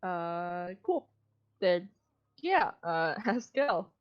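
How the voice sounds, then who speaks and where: A woman runs a tabletop game as game master. Her pitch swings in a lively way while the pace stays slow and halting. The recording is slightly dull and lo-fi. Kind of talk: casual tabletop game narration.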